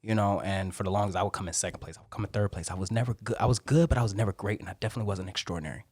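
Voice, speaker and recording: A podcast guest speaks rapid-fire in a low, slightly mellow voice with a breathy edge, earnestly and emotionally opening up in a casual interview. He's in the studio alongside the host, and the studio-microphone recording is clean and studio quality with no echo.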